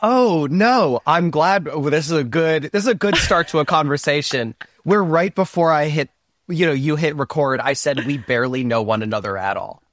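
A man in his thirties, a podcast guest who talks in an animated, self-deprecating, rambling way. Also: a little high, normal speed, no room sound. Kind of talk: casual interview chat.

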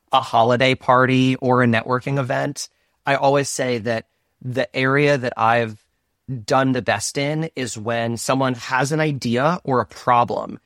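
A man in his thirties, a podcast guest who talks in an animated, self-deprecating, rambling way. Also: mid-range voice, no room sound, clean studio sound. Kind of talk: casual interview chat.

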